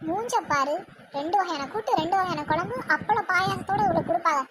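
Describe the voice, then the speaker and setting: A woman's voice: very high-pitched, fast, background noise. A woman voicing a put-upon young daughter-in-law who mutters sarcastic complaints, with a Tirunelveli Tamil accent. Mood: grumbling. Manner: grumbling under her breath, sarcastic.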